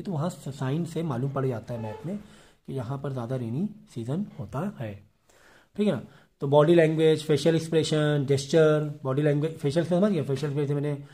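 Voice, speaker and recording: Male lecturer with a mellow voice; patient explainer who reads textbook passages slowly and keeps checking that students follow. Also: medium pitch. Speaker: teacher. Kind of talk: classroom lecture.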